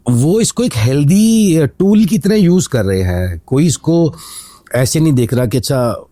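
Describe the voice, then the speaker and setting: A man's voice: on the high side, expressive, a little slow, dark tone, dry recording, clean studio sound. A man founder being interviewed on a podcast, explaining at length with anecdotes and slipping English phrases into his talk. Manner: mixes in English phrases while talking. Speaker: matchmaking site founder, guest.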